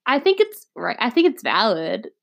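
Leading the topic list on a casual podcast, this young co-host speaks at normal speed in a fairly high, creaky, very animated voice. She's hesitant, filling her speech with "um" and "like."

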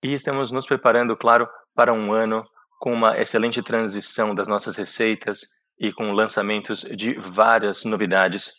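A Brazilian man interpreting a business presentation live, with halting phrasing. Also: lowish voice, flat delivery, pushed and bright. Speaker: simultaneous interpreter for an executive. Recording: dull, echoey conference call audio.

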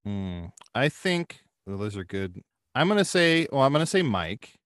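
A man's voice: mid-range voice, big pitch swings, normal speed, fairly bright tone, dry recording. A man in casual podcast chat who rambles and hedges, thinking aloud as he talks.

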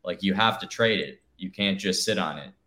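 A man's voice: sits low, normal speed, pushed and bright. A man co-hosting a casual chat, talking in a loose, rambling way full of "you know". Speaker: podcast co-host. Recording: echoey room.

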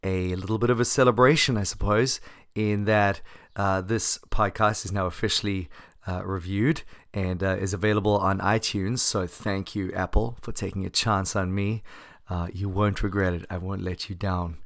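A man hosting a casual solo podcast, with a gravelly voice hoarse from laryngitis and a wry, self-deprecating manner. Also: low voice, steady tone, normal speed, a bit bright, no echo, studio quality. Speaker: podcast host.

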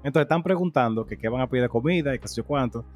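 A young man, co-hosting a casual podcast and telling animated stories with frequent laughter. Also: medium pitch, rapid-fire, faint music behind. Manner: animated storyteller, laughs often. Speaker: podcast co-host.

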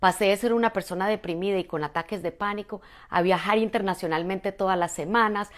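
A woman, a mother and motivational speaker, giving an energetic, emphatic talk straight to the listener. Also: medium pitch, a little fast. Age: adult, mother.

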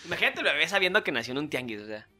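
A man's voice: fairly high pitch, sing-song, rapid-fire, sharp tone, soft background music. A young man from Mexico with a Mexican accent, co-hosting a podcast in casual chat, teasing and laughing a lot. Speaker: podcast co-host.

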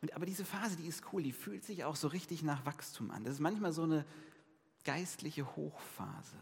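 A man preaching a sermon in a casual, conversational way, with lively asides and quick shifts between emphatic and soft delivery. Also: on the high side, gravelly, breathy edge, big-room sound. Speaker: pastor.

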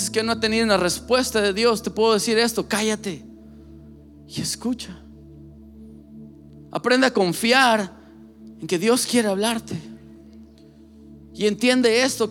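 A man's voice: high voice, fairly bright tone. A male pastor preaching a sermon with passion, speaking straight to the listener and repeating phrases for emphasis.

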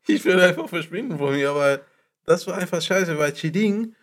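A man from the chats in halting, broken German. His voice sits fairly high for a man and climbs sharply when he gets worked up. He laughs easily between his points. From Dominican Republic. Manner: non-native German, halting broken grammar; laughs often, rises when animated. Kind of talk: casual chat.

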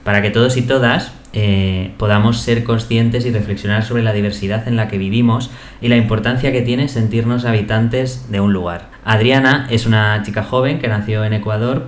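A podcast host with a mid-range voice runs a casual interview, friendly and easygoing as he asks questions and sums up what his guest says. The room is echoey.

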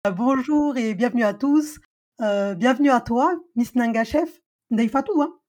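A woman hosting a podcast in a casual interview chat, lively and quick to laugh when telling stories. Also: on the high side. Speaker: podcast host.

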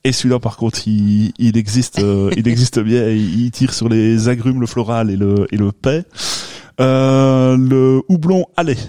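A man's voice: medium pitch, unhurried, warm tone, no echo, studio quality. A man hosting a casual beer podcast, talking hesitantly with many fillers and restarts and laughing at himself. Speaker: podcast host.

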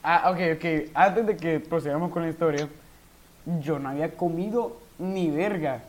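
A man's voice: a little high, normal speed, a little hiss or hum. A young man, joking and egging his friends on while they tell a party story. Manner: joking, interjecting, egging others on. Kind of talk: casual chat, storytelling among friends.

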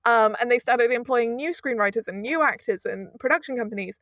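A guest on an interview, this audio drama producer chats enthusiastically, effusive and emphatic, often veering into asides. Her voice is a little high, a little fast, and a bit bright, with clean studio sound and no room sound.

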